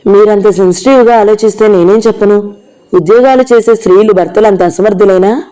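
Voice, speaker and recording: A reader voicing a frustrated young wife who answers back sharply in an audio novel. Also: female voice, mid-range voice, a little fast, close to an everyday voice, rough recording. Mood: defensive. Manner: sharp, defensive.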